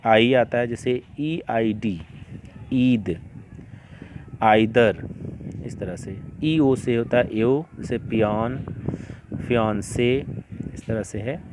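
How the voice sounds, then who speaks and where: A man teaching English to beginners, explaining slowly and patiently with many examples. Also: mid-range voice, darkish tone. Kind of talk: beginner classroom-style lesson.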